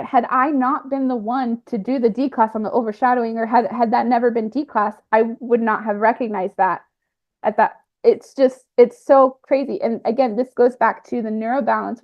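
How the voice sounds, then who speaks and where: A woman talking through a personal spiritual experience in a reflective monologue, pausing and restarting often. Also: on the high side. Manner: halting, with frequent fillers and restarts. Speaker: speaker sharing a personal spiritual account. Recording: slightly muffled lo-fi recording.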